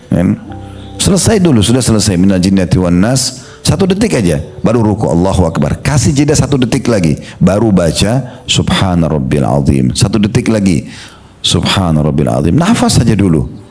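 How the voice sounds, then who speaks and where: A middle-aged man preaching a religious study talk in a conversational way, slowly demonstrating prayer recitations with pauses. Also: on the low side, big pitch swings, a little mellow, slightly rough, faint music behind.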